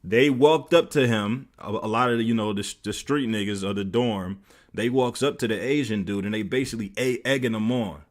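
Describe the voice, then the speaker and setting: A man's voice: on the low side, brisk. An American man streaming, loosely retelling a story with many fillers. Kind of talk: casual storytelling.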